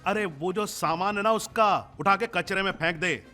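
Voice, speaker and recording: A breezy stingy friend, bright voice. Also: male voice, on the high side, sing-song, normal speed, faint music behind. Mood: scolding. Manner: breezy, dismissive. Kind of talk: film dialogue.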